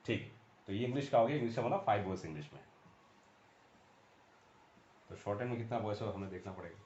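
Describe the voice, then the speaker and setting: A man teaching a shorthand lesson, repeating vowel sounds slowly and pausing to write on a board. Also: fairly low pitch, darkish tone, slight background noise. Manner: repeats sounds slowly and drills them aloud; pauses often while writing on a board. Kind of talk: classroom explanation. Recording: dull roomy sound.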